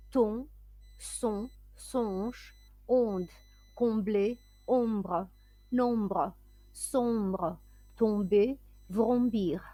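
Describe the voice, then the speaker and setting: A woman reads out pronunciation drills one word at a time, at a very slow and deliberate pace. Her pitch sits in the middle, and each word is enunciated with care. The sound is dry and close, with almost no room echo. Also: dark tone. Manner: careful, clearly enunciated dictation. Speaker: French pronunciation teacher.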